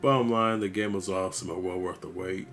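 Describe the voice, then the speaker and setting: A man's voice: low-pitched, steady tone, a little fast, a bit bright, soft background music. A man vlogging about his gaming memories in a laid-back, conversational storytelling way. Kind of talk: storytelling monologue.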